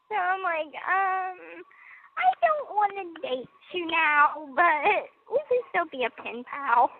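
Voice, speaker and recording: Calling from prison, a young woman keeps the chat light and casual, giggling often and dropping plenty of "like" and "um." Slow-paced and very high-pitched with lively intonation, her voice comes through a tinny phone line carrying faint noise.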